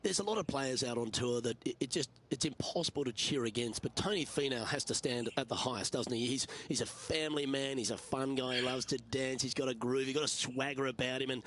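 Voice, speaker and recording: A man's voice: mid-range voice, brisk, few pauses, a bit bright, lightly acted. A man working as lead golf commentator, calling play-by-play in a broadcast style. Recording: clear background ambience noise.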